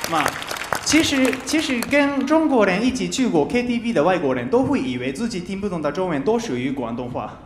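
Young japanese guy doing standup, strong japanese accent, lively careful learner speech, roomy stage w audience noise. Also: high voice, a little fast, a crowd in the background. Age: 20s. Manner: careful learner's phrasing with stumbles and repeats. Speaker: stand-up comedian. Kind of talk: stand-up comedy monologue. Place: large TV studio stage with live audience. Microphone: handheld microphone.

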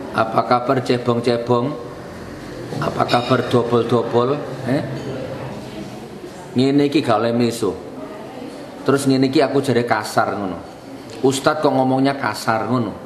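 A male preacher, giving a fiery, mocking sermon that rises into outbursts. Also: medium pitch. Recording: echoey hall with faint ambience.

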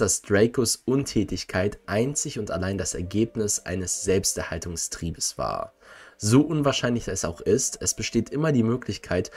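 A man narrating a scripted lore video in a measured, analytical way. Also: fairly low pitch, darkish tone, slightly rough. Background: faint music.

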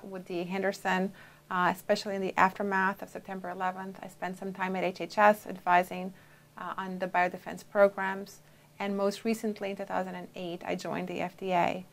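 She's an FDA official being interviewed, a woman in her forties who comes from Brazil, with a gravelly mid-range voice. Her answers are measured, broken by frequent pauses and fillers, captured on a lapel mic in a dark studio.

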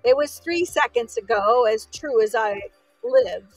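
A woman's voice: on the high side, animated, unhurried, no room sound, faint music behind, rough recording. A woman voicing a fussy talking potato who rambles eagerly. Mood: insistent.

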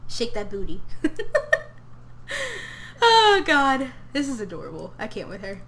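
A woman's voice: mid-range voice, wildly swooping pitch, measured pace, vocal fry, a bit bright. A young woman from Tennessee, casually chatting and giggling while streaming a game, talking to her character and her chat. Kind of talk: casual live-stream commentary. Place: home room.

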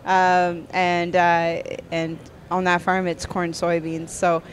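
A woman's voice: lowish voice, monotone, takes it slowly, slight background noise. A young Canadian woman from Eastern Ontario, a farmer guest chatting casually with lots of fillers and easy laughter. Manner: chatty, many fillers and restarts, laughs easily. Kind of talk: casual interview chat.

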